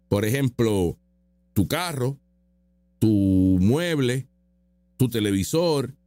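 A man with a voice on the high side, recorded dry, reacts to street interview clips as a political commentator. His take is casual and opinionated, mocking throughout with plenty of rhetorical questions.

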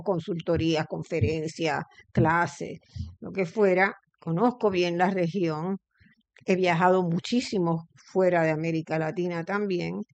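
A middle-aged woman hosts a relaxed interview. She muses aloud and pauses often to gather her thoughts. The sound is dry and close, with no room echo. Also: on the low side, muffled recording. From Puerto Rico. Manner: reflective, thinks aloud with frequent fillers. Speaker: interview host. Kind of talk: conversational interview.

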